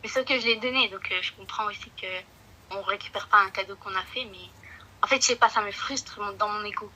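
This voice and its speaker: A woman's voice: medium pitch, fast talker, sharp tone, low-quality recording. A woman guest on a live stream, explaining herself hesitantly in a casual, confiding chat.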